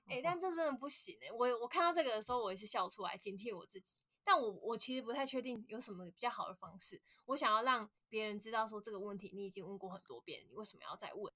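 A woman with a Taiwanese Mandarin accent co-hosting a podcast in casual chat, deadpan and self-deprecating. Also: mid-range voice, fast talker, hardly any pauses. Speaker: podcast co-host.

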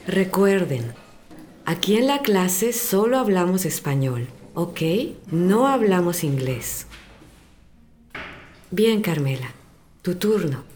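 A friendly, encouraging Spanish professor in a scripted learner drama. She talks slowly with a lively, rising and falling pitch. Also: a little hiss or hum.

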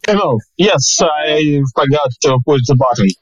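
A man from Latvia who asks a long, deliberate question, pausing often with fillers. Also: fairly high pitch, poor audio. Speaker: wine ambassador asking a question. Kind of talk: audience question in an online audio room.

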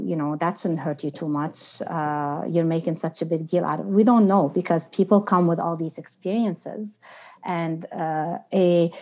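A woman speaking as an interview guest, reflective and earnest, with emphatic, deliberate phrasing. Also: on the low side, darkish tone, muffled recording. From outside the United States. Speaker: podcast guest, inclusion and diversity consultant.

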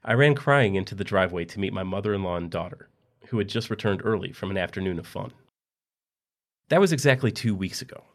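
Male narrator, low voice, steady scripted storytelling. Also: fast.

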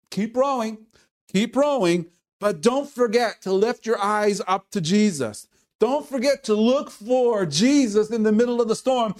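Male preacher, earnest and chatty, slow delivery. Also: high-pitched. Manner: earnest, conversational preaching with sudden loud calls. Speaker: pastor. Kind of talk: sermon.

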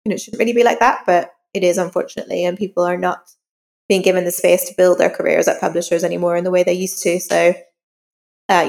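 Her voice sits on the low side, gravelly yet slightly mellow. This woman is an author speaking frankly and casually as an interview guest, reflecting as she talks, with long reverberant room sound in the recording.

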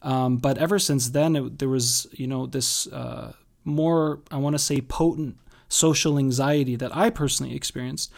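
A man in his thirties from Massachusetts, USA, talks casually about his upbringing as a podcast guest in an interview. He's chatty and joking, with many restarts and fillers like "uh" and "you know." His voice is medium-pitched and gravelly, with fairly even intonation at a normal speed.

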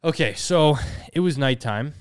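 A man's voice: on the high side, expressive, measured pace, smooth, no echo, clean studio sound. A man co-hosting a podcast, telling a story in an earnest, reflective way. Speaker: podcast co-host. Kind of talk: casual chat.

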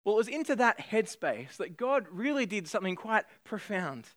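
High-voiced man preaching a sermon. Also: very animated, moderate pace, no echo, clean studio sound. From Australia. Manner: storytelling with self-deprecating humor. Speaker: pastor.

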